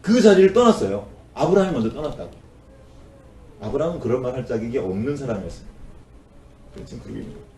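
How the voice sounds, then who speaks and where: A man's voice: mid-range voice, big pitch swings, rapid-fire, pauses often, dark tone, a little hiss or hum. A man preaching a sermon as a pastor, acting out the complaints of the people in his story with a rising, pleading voice. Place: church sanctuary. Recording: roomy church sound, voice from a distance.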